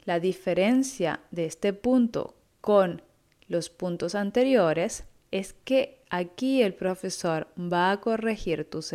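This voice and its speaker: A woman giving an online Spanish lesson in a clear, patient, instructive way. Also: fairly low pitch, darkish tone. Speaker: Spanish teacher.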